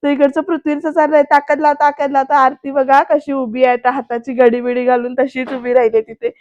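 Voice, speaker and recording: A woman's voice: high-pitched, level tone, a little fast, darkish tone, no echo, lo-fi sound. A woman narrating a chatty voice-over recap of a TV serial episode who addresses the viewers directly.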